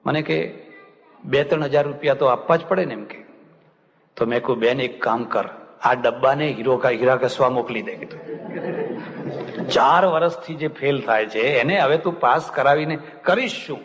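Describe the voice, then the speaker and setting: A man's voice: mid-range voice, normal speed, fairly bright tone. An older man, a swami, giving a religious discourse full of anecdotes and acting out the people he quotes with humor. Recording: long hall reverb, dull lo-fi sound.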